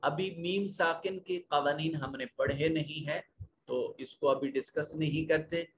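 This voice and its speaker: A man's voice: on the high side, steady tone, unhurried, a bit bright, slight background noise. A man teaching Quran recitation rules, explaining each letter and rule step by step in a methodical way. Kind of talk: tajweed lesson explaining rules.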